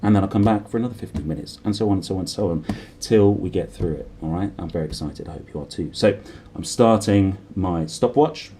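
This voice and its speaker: With a deep voice and a fairly quick delivery, a man hosts a read-aloud of a children's novel, starting with a chatty intro. He reads animatedly, with dramatic emphasis, as if talking straight to the listener, and there's slight background noise.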